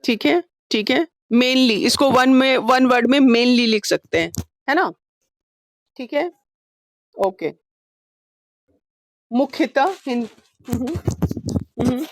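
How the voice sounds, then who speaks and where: A woman teaches a class over a video call, patient and coaxing, dropping English terms into her sentences. Her voice sits a little high. The sound is dry and close, with no room around it. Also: expressive, slow pace, pauses often, dry recording. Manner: patient, coaxing, calls students babu; mixes Hindi with English terms.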